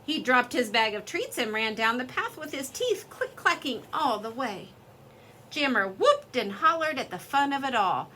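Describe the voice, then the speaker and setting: A woman reading a children's story aloud in an expressive, lively storytelling way. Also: high voice, normal speed, a little hiss or hum.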